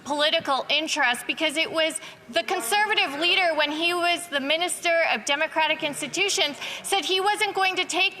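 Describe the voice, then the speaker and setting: A woman's voice: extremely high pitch, fairly quick, sharp tone. A Canadian woman giving a formal, combative government reply in parliamentary debate. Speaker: parliamentary secretary answering for government.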